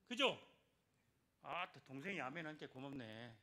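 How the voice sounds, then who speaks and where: A man's voice: medium pitch, expressive, normal speed, sharp tone. An older man, a church elder giving an evangelism testimony and exhorting the congregation with repeated phrases and calls for response.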